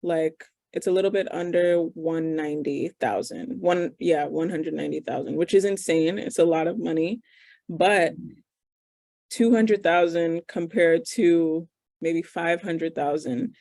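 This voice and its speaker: A woman's voice: on the low side, gravelly, mellow, no echo, studio quality. A woman in her twenties, a medical student, answering interview questions over a video call. She speaks casually, thinking aloud with fillers. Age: 20s.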